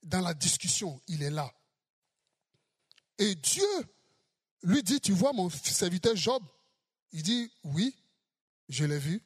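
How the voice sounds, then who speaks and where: Preacher, sermon delivery, deliberate pace, lively rising and falling pitch, repeats for emphasis. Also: breathy edge. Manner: slow, emphatic, repeats key phrases.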